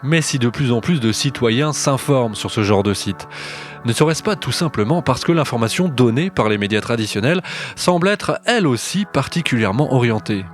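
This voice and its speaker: Man, podcast co-host, playful questioning tone, mid-range voice, soft music in the background. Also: medium pitch, expressive, moderate pace. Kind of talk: scripted podcast narration and banter.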